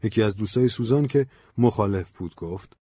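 A man's voice: lowish voice, slightly rough. A man narrating an audiobook story expressively into a close mic. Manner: expressive, varied.

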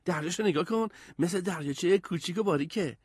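Man doing a teasing young boy, raised high voice, husky, storybook. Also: no room sound, clean studio sound. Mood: playful. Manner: playful, teasing, persuasive. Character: cheeky teasing boy, older brother.

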